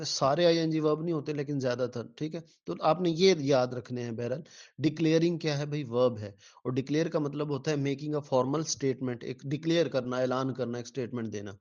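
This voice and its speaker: A man's voice: fairly high pitch, a little mellow, lo-fi sound. Patient male teacher drilling vocabulary. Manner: patient, repeats words slowly syllable by syllable, asks and answers own questions. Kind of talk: exam-prep lecture to students.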